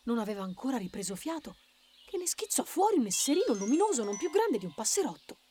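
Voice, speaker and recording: A woman reading a children's story aloud in a lively, expressive way, doing the characters' voices. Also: fairly high pitch, quick pace, faint music behind.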